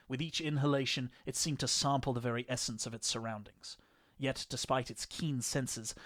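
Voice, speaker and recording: Brief: male narrator, dry close sound, steady epic storytelling, mid-range voice. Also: mid-range voice, no room sound. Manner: measured, grandiose storytelling. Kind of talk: fan fiction audiobook reading.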